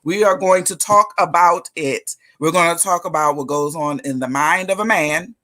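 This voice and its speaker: A woman hosting a live interview show, talking in an emphatic, lively way with churchy turns of phrase. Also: fairly low pitch, moderate pace. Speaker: host.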